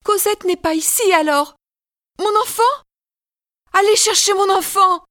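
A woman's voice: measured pace, pushed and bright, heavily acted. A woman voicing a dying young mother in feverish delirium, pleading desperately in a dramatized audiobook. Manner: desperate high-pitched pleading.

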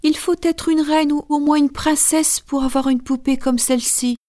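A woman's voice: sits high, fairly even intonation, normal speed, warm tone, lightly acted. Woman doing a timid little servant girl. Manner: small, timid voice. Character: timid eight-year-old servant girl. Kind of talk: audiobook drama acting.

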